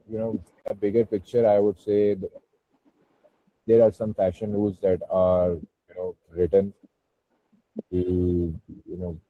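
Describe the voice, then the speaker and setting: A man with a Pakistani accent, a startup founder answering questions informally on an online call, often hedging with "you know". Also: deep voice. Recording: muffled phone-like call audio, roomy echo.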